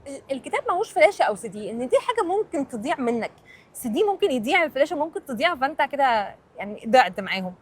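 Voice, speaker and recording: A woman's voice: sits high, big pitch swings, racing, slight background noise. A woman English teacher with an Egyptian Arabic accent, answering viewers' questions in a casual explainer video and counting items off aloud.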